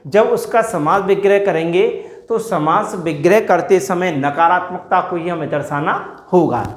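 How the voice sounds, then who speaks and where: A male teacher giving a grammar lesson, drawing out example words slowly and asking questions that he answers himself. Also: high-pitched. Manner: slow, drawn-out repetition of example words; asks and answers his own questions. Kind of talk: classroom grammar lecture. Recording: echoey room.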